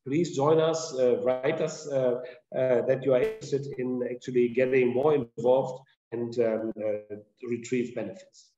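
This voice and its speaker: A man chairing an online seminar, introducing speakers in a halting way full of hesitations, heard over a video call. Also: mid-range voice, warm tone. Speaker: webinar chair and moderator. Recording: roomy, dull lo-fi call audio.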